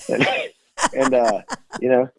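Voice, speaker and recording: Over background noise, a Tennessee musician with a strong Southern accent tells rambling, self-mocking stories by phone from his home on a lake, frequently starting over, in a casual interview. His medium-pitched voice stays steady and slow.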